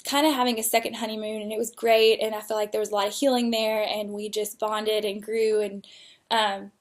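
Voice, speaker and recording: A woman's voice: medium pitch, level tone, brisk. A young woman telling her personal story candidly and emotionally, with frequent fillers. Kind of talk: personal testimony.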